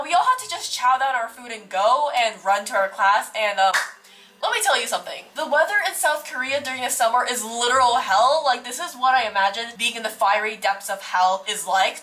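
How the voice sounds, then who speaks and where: A woman's voice: fairly high pitch, sharp tone. A young woman vlogger telling a dramatic, slangy storytime about her day, casual and exaggerated. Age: young adult.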